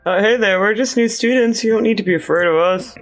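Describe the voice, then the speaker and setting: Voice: mid-range voice, quick pace, faint music behind. Easygoing player at the game table. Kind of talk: tabletop game play, in character.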